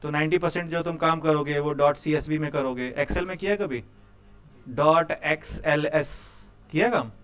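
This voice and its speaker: A young man teaches a live coding class. His voice is smooth and resonant and sits a little high. He chats with his students, teases them and keeps quizzing them. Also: normal speed, a bit bright. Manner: chatty, quizzes students, keeps saying "bhai".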